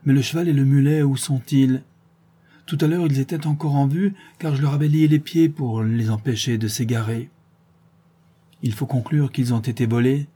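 An alarmed young camel-driver, as a man reads him aloud, urgent and a little raised in a storybook reading. The voice is dark and husky. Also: medium pitch, fairly even intonation, moderate pace, pitched above the performer's own voice, natural voice.

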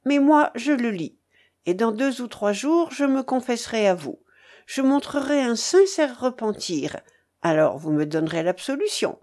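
A woman's voice: on the high side, big pitch swings, moderate pace, a little mellow. A woman reading aloud and voicing a cunning female servant who coaxes and persuades her master. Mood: coaxing. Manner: coaxing, persuasive.

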